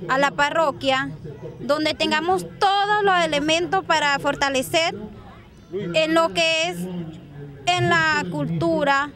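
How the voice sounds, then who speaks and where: A woman's voice: sits high, slow, a crowd in the background. A young woman speaking as a commune member in an outdoor interview, earnest and declaratory, into a handheld mic. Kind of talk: street interview. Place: outdoors at a rural meeting. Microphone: handheld reporter mic.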